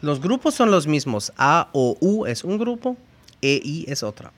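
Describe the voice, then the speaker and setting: A man's voice: a little high, big pitch swings. Man carefully teaching pronunciation. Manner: slow, careful demonstration of sounds and spelling. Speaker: language teacher. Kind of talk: explaining pronunciation to learners.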